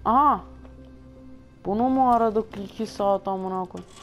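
Woman, gameplay commentary, foul-mouthed, grumbling, chatty with viewers, mid-pitched voice. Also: a little slow, soft background music. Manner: swears a lot, grumbling and exasperated; talks straight to viewers. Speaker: gaming video host.

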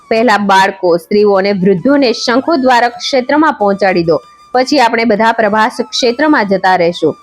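Woman narrating a devotional tale. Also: a little high. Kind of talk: scripted devotional story narration.

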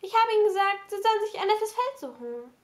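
A woman voicing a gentle, serene teenage girl in a storybook reading, soft and coaxing. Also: very high-pitched, sing-song, brisk, voice pushed up.

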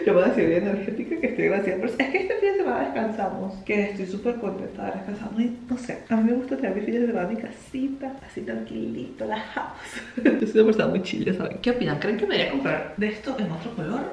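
A woman's voice: medium pitch, animated, fast, a little mellow, reverberant, distant mic, slight background noise. A woman from Venezuela with a Venezuelan Spanish accent, chatting casually in a vlog, bubbly and laughing often. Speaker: vlogger.

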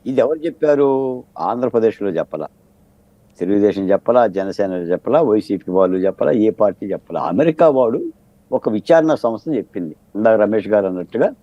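In a TV studio debate set, a man acting as a political analyst argues his case with a barrage of rhetorical questions. His voice sits on the low side, animated and a little fast, on a dry recording with the highs cut off.

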